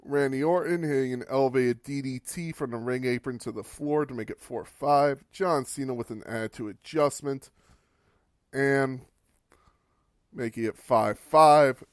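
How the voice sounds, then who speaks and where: A man's voice: medium pitch, no room sound, studio quality. A man hosting a podcast, giving a casual, wry recap of old wrestling matches and swearing for laughs. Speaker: podcast host.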